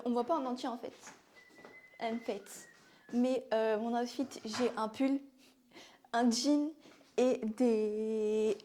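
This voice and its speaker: A young woman with a regional French accent chatting casually in a vlog, rambling and filling pauses with "euh". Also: a little high, mellow. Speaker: vlogger.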